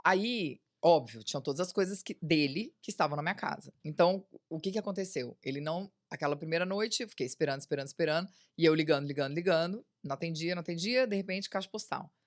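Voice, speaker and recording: A woman's voice: sits low, quick pace, hardly any pauses. A woman tells a personal story as a podcast guest on a studio mic. She acts out the voices of the people she quotes. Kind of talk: casual storytelling.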